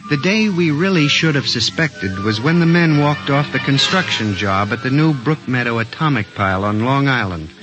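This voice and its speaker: A man's voice: medium pitch, expressive, normal speed, hardly any pauses. A man playing a hesitant, earnest statistics clerk who also narrates, in a 1950s radio drama with an old broadcast sound. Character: timid middle-aged male statistics clerk. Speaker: narrator and lead character. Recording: muffled lo-fi old radio recording with music.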